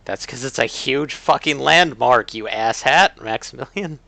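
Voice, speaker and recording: Bright-voiced man rambling over a game. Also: medium pitch, unhurried, creaky, no echo. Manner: rambling, many filler "uh"s and restarts. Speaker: streamer. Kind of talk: casual live-stream game commentary.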